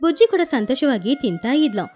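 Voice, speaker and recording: A woman narrating a children's cartoon story in an expressive way. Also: high voice, normal speed, soft background music.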